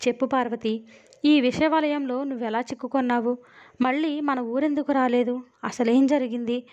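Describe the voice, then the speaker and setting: An intense young man, grieving and bent on revenge, heard in a storybook reading where a woman gives him voice. Her tone sits fairly high, and the audio is dull and lo-fi. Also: steady tone, normal speed, a little mellow, natural voice. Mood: pleading.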